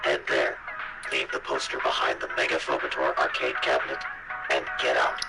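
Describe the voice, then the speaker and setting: An actor voicing a secretive male dealer in a video game who speaks through a voice changer that pitches him very deep, with a curt, businesslike manner. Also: little pitch movement, moderate pace, gravelly. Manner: curt, businesslike, gives clipped orders. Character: secretive male underground dealer hiding his identity. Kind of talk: video game character dialogue. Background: game music.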